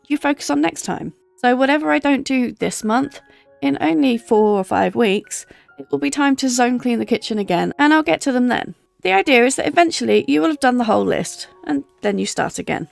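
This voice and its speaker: A woman vlogger narrating her kitchen cleaning in a gentle, chatty, explanatory voice-over. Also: on the high side, creaky, dry recording. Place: home kitchen.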